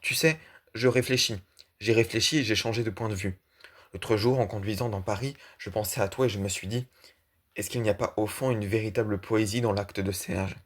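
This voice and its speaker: A man's voice: lowish voice, a little fast, natural voice. A man voicing an irritable, blunt middle-aged man in an audiobook reading of a play, talking in a brooding, argumentative way. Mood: prickly.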